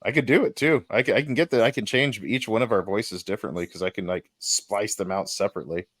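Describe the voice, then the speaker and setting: This man in his forties from Texas hosts and edits a casual podcast, talking quickly in a lowish, fairly bright voice with a breathy edge. He rambles, laughs easily, and swears, and there's no room sound.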